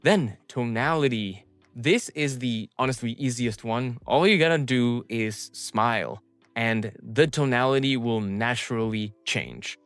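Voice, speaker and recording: A man hosting a course, recapping a lesson casually and often pausing on filler sounds. His voice has a medium pitch and a dry, close sound, with faint music behind him. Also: a bit bright, no room sound. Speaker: course host.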